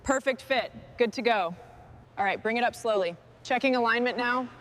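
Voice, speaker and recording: A woman narrates her own vehicle restoration work in short, approving comments directed at herself. Her voice is fairly high and fairly bright, at a moderate pace.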